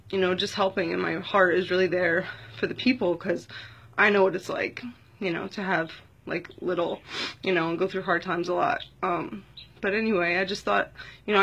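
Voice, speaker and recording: A woman's voice: lowish voice, fairly bright tone, breathy edge, highs cut off. Earnest rambling woman sharing a testimony. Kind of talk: casual testimony vlog.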